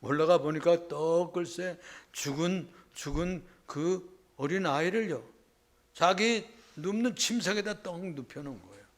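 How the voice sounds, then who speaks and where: A male pastor preaches a sermon with a slightly high-pitched voice, retelling a story dramatically. He keeps checking in with the congregation through short questioning asides. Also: measured pace.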